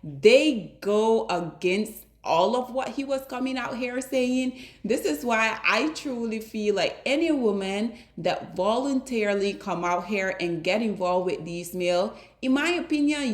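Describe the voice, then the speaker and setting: A woman hosting a commentary video, lecturing her viewers directly in a preachy, emphatic way. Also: medium pitch. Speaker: commentary host. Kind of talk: reaction commentary to a street interview.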